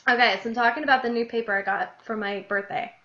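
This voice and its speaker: Host: young woman, slightly high voice, giggly diary-reading chat, dull lo-fi sound. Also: quick pace. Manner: giggly, animated, laughs often between readings. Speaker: podcast host. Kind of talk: casual chat reading her childhood diary. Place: lives in New Jersey, grew up in Illinois. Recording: dull lo-fi podcast audio.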